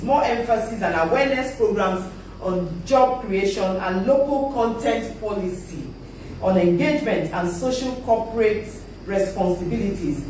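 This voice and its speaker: A man's voice: high voice, slight background noise. A man hosting a live panel discussion, reading out viewer comments and prompting his guests. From Nigeria. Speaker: host. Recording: echoey room, mic at a distance.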